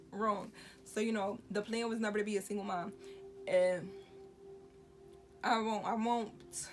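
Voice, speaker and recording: Frank young woman with background music. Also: mid-range voice. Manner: casual, frank, many fillers like "you know, like". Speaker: vlogger. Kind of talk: candid talk to camera. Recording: music playing under the voice.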